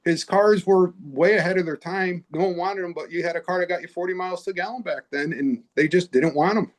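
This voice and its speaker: A man's voice: sits high, a little fast. A man co-hosting a casual chat, explaining car history and tips in a plain, matter-of-fact way. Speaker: co-host, car expert.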